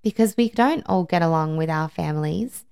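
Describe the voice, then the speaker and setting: A woman's voice: deep voice, moderate pace, vocal fry, warm tone, clear, resonant tone. A woman podcast host talking conversationally and empathetically, giving personal advice with emphatic repeated words. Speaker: podcast host, life and wellbeing coach.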